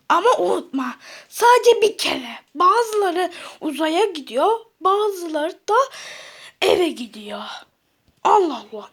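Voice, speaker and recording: A woman voicing a goofy, panicky male cartoon character who keeps shouting and exclaiming, then breaking into giggles. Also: very high voice, exaggerated voice. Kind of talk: cartoon voice acting.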